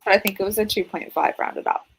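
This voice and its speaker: A woman's voice: medium pitch, fairly even intonation, fast, a little hiss or hum, poor audio. A woman chatting as a guest on a casual livestream, blunt and frank and swearing freely. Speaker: guest reader.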